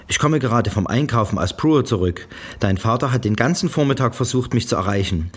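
A man's voice: medium pitch, expressive, brisk, slightly rough, voice pushed up. A man voicing a curt, domineering middle-aged mother who scolds her daughter over the phone, in a brusque, bossy manner. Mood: curt, scolding.

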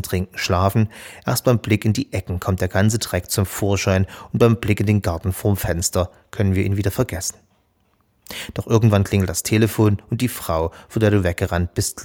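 Guy with a lowish voice talking about a book, reflective, essay tone. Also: darkish tone. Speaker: book presenter. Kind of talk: scripted literary commentary.

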